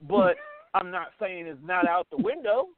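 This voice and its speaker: Over tinny, phone-style band-limited audio with no room sound, a middle-aged American man speaks as a radio show host. His voice is high and animated at a moderate pace, and his casual, candid delivery is blunt and emphatic, with frequent repetition of phrases.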